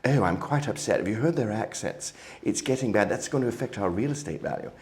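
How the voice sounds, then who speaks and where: A man's voice: fairly low pitch, expressive, fairly quick, a little mellow. A man imitating snobbish, fretful posh English neighbors in a prim, fussy tone.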